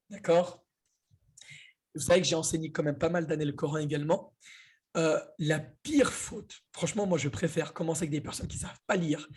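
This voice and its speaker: A man teaching an online Arabic class, lively, often checking the students follow. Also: sits high, breathy edge. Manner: lively, repeats key points, asks "d'accord?".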